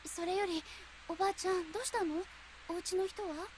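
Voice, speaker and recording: A woman's voice: very high voice, fairly even intonation, racing, slight background noise. An actress playing a kind, anxious teenage schoolgirl in a Japanese video game, earnest and polite. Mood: worried.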